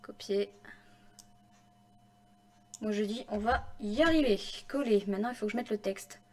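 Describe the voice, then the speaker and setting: A woman's voice: medium pitch, normal speed. Chatty woman narrating her screen work. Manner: muttering to herself while typing, chatty asides. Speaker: game modder. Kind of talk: casual commentary while modding.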